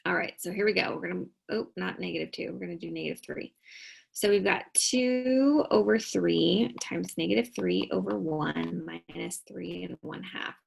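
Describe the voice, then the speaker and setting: A woman's voice: fairly low pitch, normal speed, vocal fry, husky, poor audio. A woman teaching a recorded math lesson, talking students through each step and answering her own questions. She sounds tired and keeps yawning.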